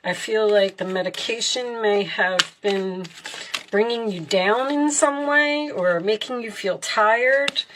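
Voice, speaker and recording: A woman giving a casual tarot reading, speaking directly and reassuringly to the listener, sometimes halting and repeating words as she thinks. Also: medium pitch, pushed and bright, low-quality recording. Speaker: tarot card reader.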